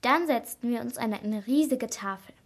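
Lively woman reading a kids' story. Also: a little high, normal speed. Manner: lively, voicing each character in dialogue. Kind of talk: reading a children's crime story aloud.

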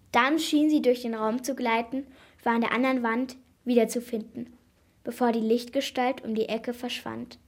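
A woman narrating a children's mystery audiobook in a steady, expressive storytelling voice. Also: fairly high pitch.

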